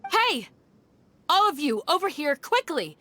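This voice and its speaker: High, bright, urgent calling woman. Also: very animated, unhurried, dry recording, full character voice. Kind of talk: video game character acting.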